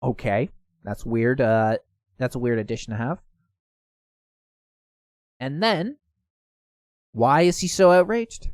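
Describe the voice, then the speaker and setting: A man's voice: medium pitch, slow, long pauses, no echo, clean studio sound. A man hosting casual online news commentary, reading posts aloud and stumbling now and then. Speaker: host.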